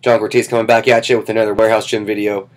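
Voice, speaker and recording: A man with a low, congested voice, stuffy and nasal from a lingering sinus infection. He talks casually to camera about his own gym, plain-spoken, checking in with "okay?" and filling pauses with "um". The tone is relaxed and conversational. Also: poor audio. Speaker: gym owner.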